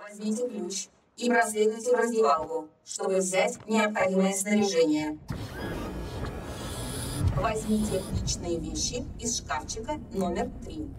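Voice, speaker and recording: A woman's voice: mid-range voice, measured pace, close to an everyday voice. A woman voicing a stern security computer. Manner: cold, formal, repetitive announcements. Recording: distant voice over game music.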